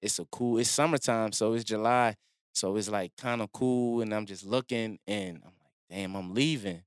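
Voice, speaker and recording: A man telling a long personal story in a relaxed, slangy way, acting out what people said. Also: on the low side, moderate pace, clean tone, dry recording, clean studio sound. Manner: laid-back slangy storytelling, acts out quotes. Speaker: guest telling his story. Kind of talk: casual storytelling.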